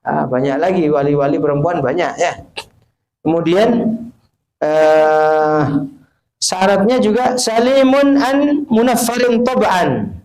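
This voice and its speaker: Man, East Javanese accent, high voice, preaching a sermon, Arabic quotes, rhetorical questions. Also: lively intonation, slow, long pauses, darkish tone, low-quality recording. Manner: mixes Javanese phrases and Arabic quotations, asks the audience rhetorical questions.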